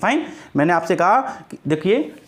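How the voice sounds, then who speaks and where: A man's voice: high-pitched, sing-song, moderate pace, a bit bright. A middle-aged man with a Hindi-speaking Indian English accent gives an exam-prep grammar lecture, repeating each point as a question and answering it himself.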